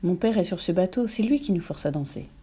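A sad ghost princess tells her tale in a soft, sorrowful voice, as a woman reading a storybook puts her on. It sits a little above the reader's own pitch and stays mellow. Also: animated, fast, breathy edge.

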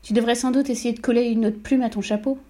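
A woman voicing a bossy, sharp-tongued mother who scolds curtly in a storybook reading. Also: fairly high pitch, steady tone, quick pace, pitched above the performer's own voice, natural voice. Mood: scolding. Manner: scolding, curt.

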